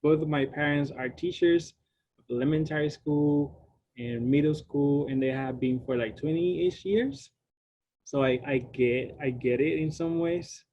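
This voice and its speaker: A young graduate student from Puerto Rico, Spanish his first language, gives an online science talk over a video call, full of fillers and restarts. His voice is fairly high, a little slow and mellow, with the highs cut off.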